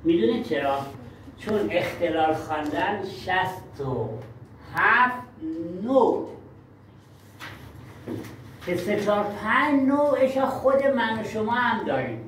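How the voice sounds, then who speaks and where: A teacher trainer with a high, animated voice lectures a workshop of teachers, speaking emphatically and repeating key words. He is far from the mic in an echoey room, with a little hiss or hum on the recording.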